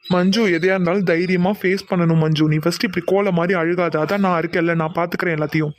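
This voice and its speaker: A man's voice: sits high, steady tone, quick pace, slight background noise, close to an everyday voice. A performer voicing a reassuring young man. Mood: comforting. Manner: coaxing, reassuring. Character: caring young man, protective friend. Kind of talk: amateur cartoon voice acting.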